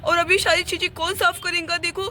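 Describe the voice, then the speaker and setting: A woman's voice: very high voice, flat delivery, brisk, sharp tone, slight background noise. A woman voicing a flustered, apologetic father and henpecked husband in a doll play, pleading with his family.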